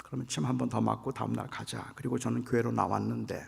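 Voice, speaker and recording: A middle-aged man preaches in a large church, his voice deeply gravelly and husky. He tells a story from the pulpit and lets it swell into shouting when he quotes himself. A long reverb trails every phrase. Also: steady tone, fast. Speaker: pastor. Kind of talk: revival sermon with personal story.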